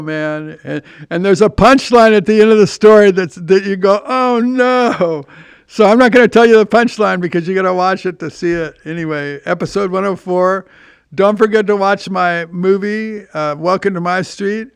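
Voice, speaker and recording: An older man talks through his podcast in a loose, rambling monologue, often swearing and doubling back on his words. His voice sits high for a man, with a gravelly rasp that still stays clear. The sound is dry and close. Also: a bit bright, no echo. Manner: rambling, profane, repeats words. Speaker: podcast host. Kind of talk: casual monologue.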